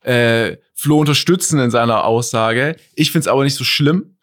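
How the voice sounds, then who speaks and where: A man's voice: mid-range voice, normal speed, fairly bright tone. A young man co-hosting a casual chat podcast, easygoing and conciliatory. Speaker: podcast co-host.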